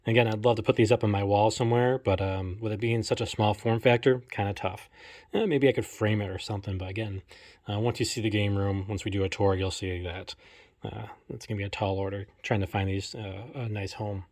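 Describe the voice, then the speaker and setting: A collector vlogger in his thirties chats casually to camera while unboxing collectibles in his home game room, filming on a phone held in one hand. His talk is full of fillers and self-deprecating jokes, delivered briskly in a low, darkish voice with fairly even intonation.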